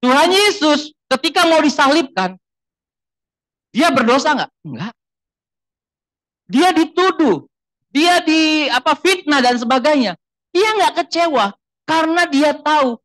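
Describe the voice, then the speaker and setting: A man's voice: very high-pitched, lively intonation, measured pace, long pauses, fairly bright tone, no echo, rough recording. A man preaches a sermon as a guest pastor. He talks in a loose, conversational way and tells personal stories. He keeps turning to the congregation with rhetorical questions.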